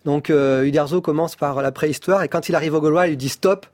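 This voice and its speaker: A man's voice: fairly high pitch, fairly even intonation, brisk, a little mellow, no room sound. A man explaining as an expert guest in a radio interview, hesitant and analytical. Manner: hesitant, analytical, stresses key words.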